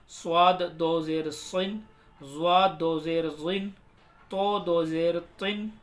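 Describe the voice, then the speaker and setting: A man with a fairly high voice leads a recitation lesson. He drills each letter sound slowly and deliberately, pausing between every item as a patient teacher. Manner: slow drawn-out letter-by-letter drilling. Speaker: Quran reading teacher.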